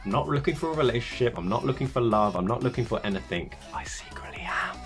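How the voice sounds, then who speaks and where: A man's voice: medium pitch, animated, fast talker, soft background music. A young man from England, talking through a casual get-to-know-me vlog in a chatty, rambling, self-deprecating way. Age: young adult. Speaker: YouTuber.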